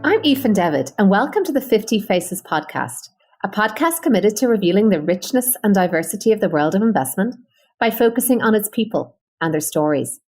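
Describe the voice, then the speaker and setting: A woman hosting an interview podcast, introducing her guest and asking questions in a measured, conversational way. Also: mid-range voice, very animated, breathy edge, soft background music. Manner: warm and measured, reading sponsor copy and asking questions. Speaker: podcast host.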